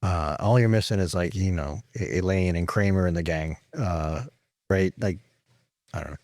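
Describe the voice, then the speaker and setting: A man hosting an interview, animated and playful, asking probing questions. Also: deep voice, moderate pace, no room sound, studio quality. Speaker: podcast host. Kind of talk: conversational interviewing.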